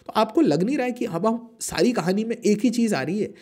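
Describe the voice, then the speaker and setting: A man giving an animated explainer lecture on current affairs, emphatic and full of rhetorical questions. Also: sits high, a little fast, breathy edge. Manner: emphatic, rhetorical questions, mixes English into Hindi.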